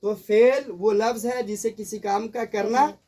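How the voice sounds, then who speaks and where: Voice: medium pitch, steady tone, measured pace, far from the mic, a crowd in the background. A teacher giving a classroom grammar lesson, repeating terms and asking questions for the students to answer.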